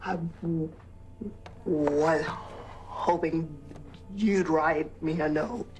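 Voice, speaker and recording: An actor playing an awkward, childlike, lovestruck man in a film, speaking in a halting, earnest way. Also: a little high, steady tone, darkish tone, low-quality recording. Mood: shy, hesitant. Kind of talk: naturalistic film acting.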